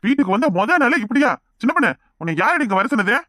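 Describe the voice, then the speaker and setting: Cartoon: an exasperated Kanyakumari husband, high, very fast, dry studio. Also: male voice, expressive, bright, forceful tone, no room sound, full character voice. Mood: irritated. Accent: Kanyakumari Tamil. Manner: brisk, exasperated. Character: impatient young village husband. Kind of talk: cartoon voice acting.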